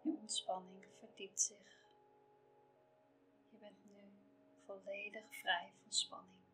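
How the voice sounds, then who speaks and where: A woman reading a scripted guided relaxation in a soft, soothing, half-whispered delivery with measured, calming phrasing. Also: medium pitch. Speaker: guided relaxation narrator for pregnancy. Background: soft music.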